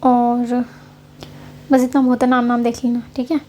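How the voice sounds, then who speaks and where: She talks a little slowly, in a fairly high, mellow voice with a completely flat delivery. The speaker is a woman from Haryana, India, teaching an online exam-prep class through a casual lecture over slides and checking in with listeners frequently in a conversational way.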